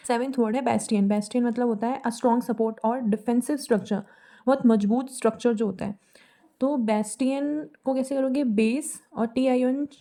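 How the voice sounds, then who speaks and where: Low-toned Indian woman teaching vocabulary. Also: mellow. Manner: explains with memory tricks and little acted scenes; mixes English words into Hindi. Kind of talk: casual explanatory lesson.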